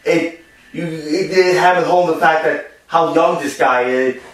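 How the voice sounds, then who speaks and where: A man's voice: fairly high pitch, a little slow, a bit bright. A man chatting casually about a stage show and its film, rambling with lots of fillers and restarts. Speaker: co-host discussing a musical and its film. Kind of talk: casual chat. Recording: echoey room, distant from the mic.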